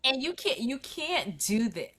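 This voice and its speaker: Animated woman co-host, casual chat. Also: sits high. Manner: animated, quotes people in quick put-on voices. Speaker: podcast co-host. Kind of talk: casual chat recapping a reality show.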